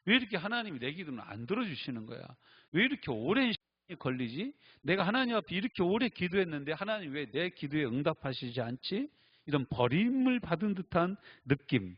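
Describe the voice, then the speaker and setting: A male pastor preaches in a conversational, emphatic way, firing off rhetorical questions. His husky voice sits fairly high and swings widely in pitch. The recording is dull and lo-fi. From Chungcheong, Korea. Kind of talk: sermon.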